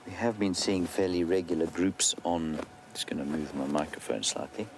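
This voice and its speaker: A man working as a safari guide, giving unscripted live wildlife commentary and answering viewer questions, sometimes hushed toward a near-whisper. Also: sits low, steady tone, moderate pace. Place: outdoors in an open safari vehicle. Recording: outdoor vehicle and bush ambience noise.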